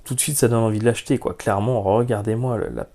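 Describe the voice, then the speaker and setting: Host: man, mellow voice, chatty unboxing vlog, hesitant and opinionated. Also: lowish voice, steady tone, fast talker, gravelly. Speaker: YouTube model-kit reviewer.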